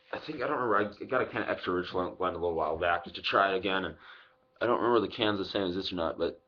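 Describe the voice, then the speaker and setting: Low-voiced young man, lip full of dip. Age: 20s. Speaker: product reviewer vlogger. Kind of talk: casual unscripted product review, swearing freely. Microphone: webcam microphone at arm's length. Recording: dull lo-fi webcam audio.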